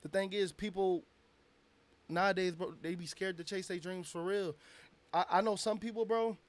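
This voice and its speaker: A young man, a bit drunk, telling a long animated story in a casual interview, full of slang and swearing. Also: sits high, moderate pace. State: tipsy. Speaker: guest, aspiring rapper.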